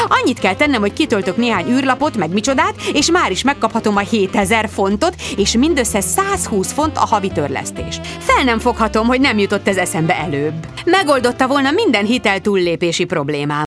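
Expressive woman reading a comic diary. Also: medium pitch, few pauses, over music. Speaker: audiobook narrator. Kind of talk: diary-style audiobook narration.

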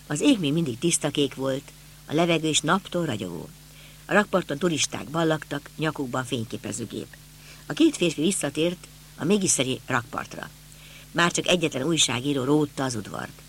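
Brief: male narrator, steady storytelling, gravelly edge, slightly high. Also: slight background noise. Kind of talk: audiobook narration.

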